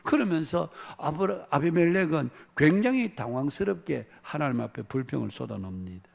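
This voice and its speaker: A man's voice: a little high, animated, moderate pace, vocal fry. A man pastor preaching a Sunday sermon in a church, earnest, with rising emphatic phrases. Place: church sanctuary.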